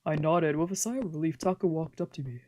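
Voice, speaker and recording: Reading a visual novel for a let's play, a woman moves from narrating the story to tossing off casual, slangy comments. Her low, mellow voice goes fast over background music, with slight background noise.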